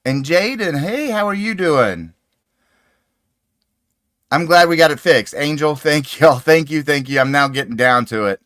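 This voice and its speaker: A man's voice: on the high side, expressive, measured pace, pauses often, no room sound, clean studio sound. A man hosting a casual crochet livestream, greeting viewers by name, laughing easily, talking into a desk mic at home. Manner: chatty, greets viewers warmly, laughs often. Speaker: crochet channel host. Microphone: desk microphone.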